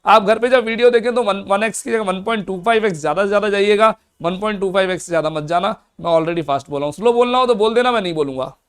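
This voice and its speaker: Guy teaching accounts real fast, fairly high voice, keeps asking himself questions n answering. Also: smooth. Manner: brisk, asks and answers his own questions. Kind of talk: fast classroom lecture.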